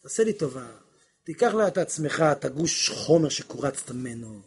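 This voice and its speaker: Male rabbi-preacher, high husky voice, fervent sermon delivery that jumps from quiet to loud. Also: big pitch swings. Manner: impassioned, swings from hushed to shouting, acts out dialogues. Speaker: rabbi teaching on prayer. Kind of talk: religious lesson, sermon.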